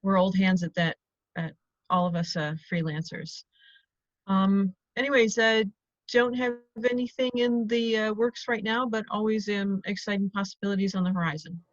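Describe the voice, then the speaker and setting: A woman's voice: medium pitch, little pitch movement, normal speed, no echo. Amused woman on dull lo-fi call audio. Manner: amused, chatty, with fillers. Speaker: freelancer, meeting participant. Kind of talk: casual chat on a video call.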